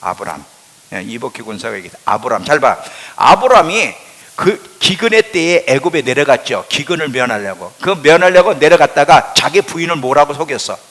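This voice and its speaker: Animated pastor. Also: male voice, mid-range voice, moderate pace. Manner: asks the congregation questions and answers them himself; emphatic, swings between loud and hushed. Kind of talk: sermon. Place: church sanctuary. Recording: long hall reverb in a church.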